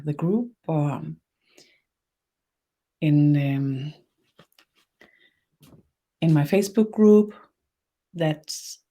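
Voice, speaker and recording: A Danish woman, a native Danish speaker with a Danish accent, hosts a live-streamed spiritual webinar as a spiritual teacher. Her voice sits low and mellow, and she speaks slowly, with many fillers and restarts.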